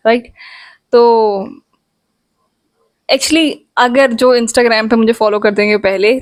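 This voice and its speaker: A woman's voice: on the high side, dry recording. A young woman vlogger in a chatty, playful storytime, talking straight to her viewers. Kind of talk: casual storytime.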